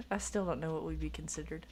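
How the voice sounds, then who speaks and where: This Oklahoma woman streams games and talks loosely with her chat in a light local accent, wandering off topic and laughing at herself in a self-mocking way. Her voice sits low and slightly mellow, with a faint hiss or hum in the audio.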